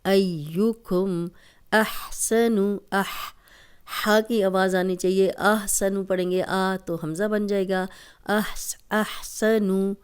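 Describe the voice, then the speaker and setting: A woman teaching Quran recitation rules, explaining patiently step by step and drawing each recited word out slowly, with a Pakistani Urdu accent. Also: medium pitch, little pitch movement, clear, resonant tone. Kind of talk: Tajweed lesson.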